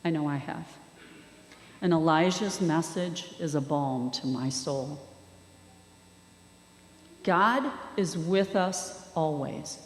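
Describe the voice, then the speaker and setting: Slow, measured woman preaching in a hall. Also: sits low. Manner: slow, measured delivery with dramatic pauses. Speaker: lay preacher and youth worker. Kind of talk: sermon. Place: church sanctuary. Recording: echoey church hall.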